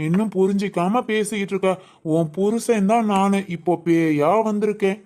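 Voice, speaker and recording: A voice actor playing a prankster pretending to be a husband's ghost in a cartoon, slow and wheedling. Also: medium pitch, mellow, close to an everyday voice.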